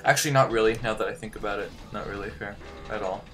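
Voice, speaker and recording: A man's voice: on the low side, fast talker, fairly bright tone. A man hosting a gaming video with casual, rambling commentary and joking asides. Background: game music.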